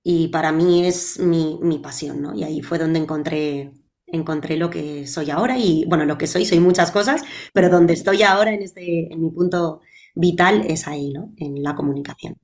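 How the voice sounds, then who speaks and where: A woman from Spain in her thirties, a guest actress and speech therapist, telling her story with lively pace. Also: low-pitched. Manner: lively and quick storytelling, with some restarts. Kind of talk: personal storytelling in an interview.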